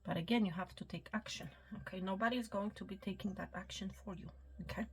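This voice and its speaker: A woman doing a tarot-style psychic reading to camera talks fast in a medium-pitched voice, with a little hiss or hum over the soft background music. She stays gentle and reassuring, checks in with the listener, drops into whispers, and keeps repeating "okay" and "my friend."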